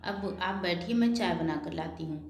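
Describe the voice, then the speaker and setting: A woman's voice: fairly low pitch, moderate pace, a little mellow, natural voice. Woman doing a snide sister-in-law, taunting, echoey room. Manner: taunting, sarcastic. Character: sharp-tongued, sarcastic sister-in-law.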